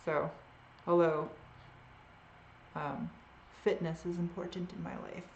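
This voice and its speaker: Roomy, low-fi woman rambling casually. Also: level tone, takes it slowly, vocal fry, highs cut off, a little hiss or hum. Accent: Boston. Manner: rambling and unsure, often trailing off. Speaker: host answering viewer questions. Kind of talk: casual live Q&A chat.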